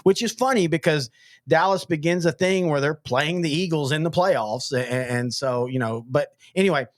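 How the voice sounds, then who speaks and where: A man from East Texas hosts a casual sports podcast, rambling and restarting with stammers. His voice is on the high side at a normal speed, recorded with clean studio sound and no echo.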